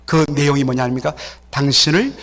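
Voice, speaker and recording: A man's voice: medium pitch, fairly quick. A Korean man preaching a sermon as pastor in a church sanctuary, telling stories and acting out the voices of the people in them. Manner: animated storytelling, acts out quoted voices. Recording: long hall reverb.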